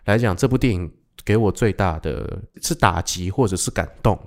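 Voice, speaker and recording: A man, an actor, telling rambling, animated stories in a casual podcast chat. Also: low voice, normal speed. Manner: rambling, animated storytelling with fillers.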